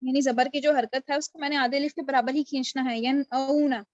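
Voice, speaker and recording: A woman's voice: sits high, steady tone, dry recording, highs cut off. A woman teaching a Quran recitation class over a video call, who explains patiently, asks her students questions and praises their answers. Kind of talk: online class lesson.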